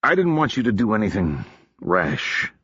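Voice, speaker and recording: Man doing earnest army officer, husky, lively pitch, dry lo-fi audiobook. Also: moderate pace, no echo, exaggerated voice. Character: earnest male army officer, troubled friend.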